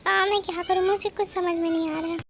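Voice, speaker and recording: A woman's voice: very high voice, fairly even intonation, brisk, a bit bright, slight background noise. A woman voicing a confused, guilt-ridden young man who questions himself in anguish in a fan audio drama.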